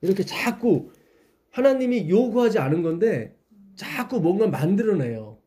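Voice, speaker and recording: A man's voice: high-pitched, big pitch swings, moderate pace, warm tone. A man leading a Bible study, explaining patiently and asking his listeners questions.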